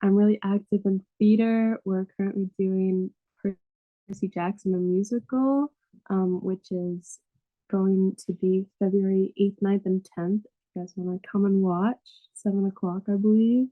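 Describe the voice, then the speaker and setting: A woman's voice: mid-range voice, steady tone, unhurried, no echo. A teenage girl student chatting upbeat about her school on a video call. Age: teens. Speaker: student panelist. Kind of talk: casual self-introduction and answers. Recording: tinny phone-like video call audio.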